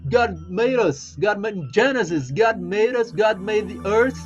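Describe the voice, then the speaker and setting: A Brazilian man with a high voice, speaking English with a Brazilian Portuguese accent, chats on a live stream. He rambles and repeats words and leans on fillers. The sound is dull and lo-fi, with faint music behind him. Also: expressive, unhurried. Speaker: livestream host. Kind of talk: casual live-stream chat.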